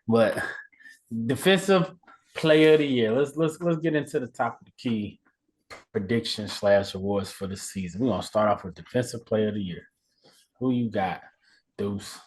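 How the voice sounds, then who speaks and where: Relaxed man chatting, laughing easily. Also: on the low side, moderate pace. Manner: relaxed, laughing often, repeats words. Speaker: podcast co-host. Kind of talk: casual sports chat.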